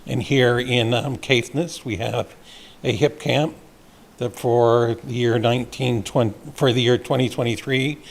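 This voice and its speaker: A man's voice: mid-range voice, steady tone, measured pace, vocal fry. A man from the public addressing a town council in a plain, matter-of-fact way. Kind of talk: public comment. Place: council chamber.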